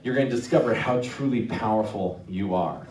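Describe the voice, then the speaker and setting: A man hosting a live stage hypnosis show, giving commanding, repetitive instructions with drawn-out phrases. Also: on the low side, a little mellow, far from the mic. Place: live show venue with audience. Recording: echoey live stage, crowd noise.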